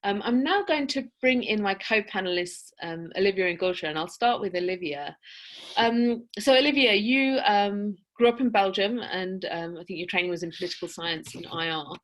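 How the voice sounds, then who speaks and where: A woman moderating an online academic panel, speaking in a measured, reflective way with frequent fillers over a video call. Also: mid-range voice, lively intonation, fairly bright tone.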